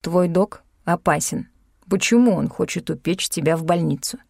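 Female narrator doing a blunt, unhurried young man, lowered gravelly tone. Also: a little mellow, no room sound, clean studio sound. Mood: calm blunt.

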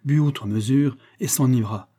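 Male audiobook narrator, warm mellow tone, measured literary reading. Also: mid-range voice, breathy edge.

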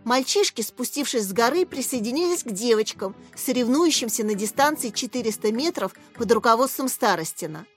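A woman narrating a story in a steady, expressive scripted reading. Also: fairly high pitch, brisk, few pauses, faint music behind.

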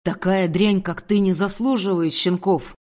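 A woman's voice: a little mellow, close to an everyday voice. A woman voicing a menacing, contemptuous male intruder. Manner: low, slow, contemptuous. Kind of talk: audiobook character voice.

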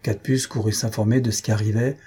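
A man narrating an audiobook in a measured, even storytelling manner. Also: on the low side, husky. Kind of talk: audiobook reading.

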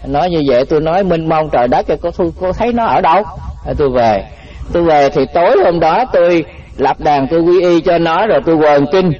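A Buddhist monk giving a dharma talk, telling folksy stories and often repeating words. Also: male voice, a little high, expressive, a little fast, darkish tone. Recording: muffled lo-fi radio-like recording.

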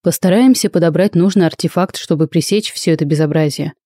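A woman's voice: lowish voice, a little fast, dark tone, no echo, studio quality, natural voice. A woman voicing a sleepy, stern male academy rector who lectures in formal, admonishing tones. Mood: tired.

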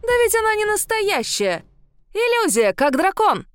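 A panicked male guard bellowing orders, as a woman narrator puts him on. His voice jumps high and shrill. The voice is close and dry. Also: unhurried, dry recording, faint music behind, exaggerated voice. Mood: alarmed. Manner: shrill excited yelling.

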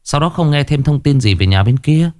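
A man narrating a ghost story in a dramatic, expressive way. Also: a little high, fairly quick, no room sound, studio quality.

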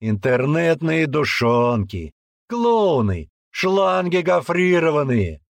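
A man voicing a gruff, brutal old male warrant officer who barks and taunts loudly. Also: a little high, sing-song, takes it slowly, no room sound, pitched above the performer's own voice, heavily acted. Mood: taunting. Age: older. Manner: barking, taunting, loud.

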